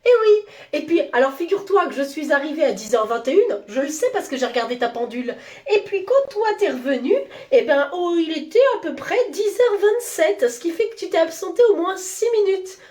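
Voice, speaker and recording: Woman playing a shrill, nosy office coworker, accusing and fussy. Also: expressive, fairly quick, a little mellow. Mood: nagging. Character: nitpicking bossy female office coworker. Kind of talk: comedy sketch acting.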